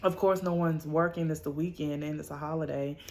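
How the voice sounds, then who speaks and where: Thirties woman, motivational vlogger, easygoing storytelling, lowish pitch, filler-heavy. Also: fairly even intonation, a little fast, darkish tone, slight background noise. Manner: chatty, many fillers, praises God. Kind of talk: casual personal story to camera.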